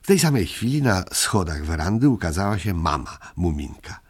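A man reading a children's story aloud as narrator, with an expressive delivery. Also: deep voice, normal speed, husky.

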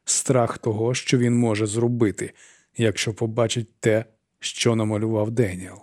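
Чоловік читає аудіокнигу м'яким темним голосом. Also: male voice, lowish voice, steady tone, moderate pace, darkish tone, no echo, clean studio sound. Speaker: narrator. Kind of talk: audiobook narration.

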